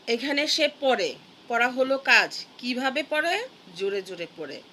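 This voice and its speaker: A Bangladeshi woman teaching grammar at an unhurried pace, pausing often as she spells words out carefully for children. Her voice is bright and a little high, with a faint hum of room noise behind her on a phone recording. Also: animated. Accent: Bangladeshi Bengali. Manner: slow, patient, spells words out syllable by syllable. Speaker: school English teacher.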